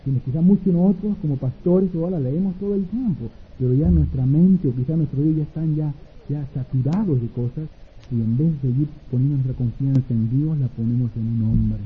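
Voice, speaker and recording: A man preaching a sermon who acts out an anecdote in many voices, swinging between soft and loud. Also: mid-range voice, a little fast, slightly rough. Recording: dull lo-fi recording.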